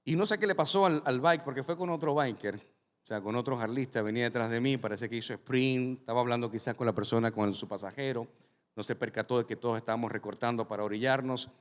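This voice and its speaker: Male pastor, mid-pitched, animated sermon storytelling, long church-hall reverb. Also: fast talker. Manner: animated, addresses the congregation directly. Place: large church hall with a congregation.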